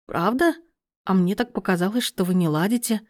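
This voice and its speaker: A woman's voice: medium pitch, moderate pace, darkish tone, natural voice. Woman voicing a sly, mock-innocent young woman.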